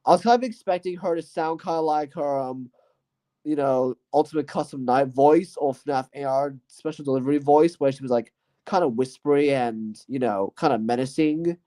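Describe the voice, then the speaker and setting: A man's voice: fairly high pitch, normal speed, mellow. A man hosting his own channel, talking through his year and reviewing movies in a casual, rambling way, hedging often and trailing off. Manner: rambling and hesitant, full of "you know" and "I guess". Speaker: channel host.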